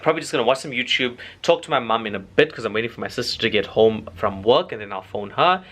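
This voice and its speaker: Talking casually to camera, the cabin supervisor and vlogger addresses everyone as guys. His medium-pitched voice is animated, quick and fairly bright.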